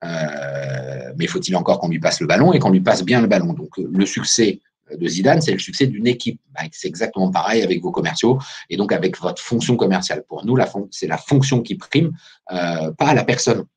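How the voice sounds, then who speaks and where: Speaking low and expressively at a moderate pace, a man runs a business webinar as a recruiter. His voice is a little mellow and slightly rough, picked up by a video call mic as he animatedly quizzes his listeners.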